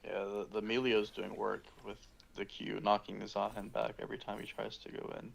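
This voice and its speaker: A man's voice: fairly low pitch, completely flat delivery, fairly quick, vocal fry, a little hiss or hum, poor audio. A man giving short, analytical calls as a co-caster on a live esports match.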